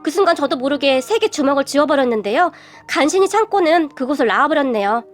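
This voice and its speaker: Brief: young female narrator, high voice, steady confessional storytelling, faint music bed. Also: fast. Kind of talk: scripted first-person story narration.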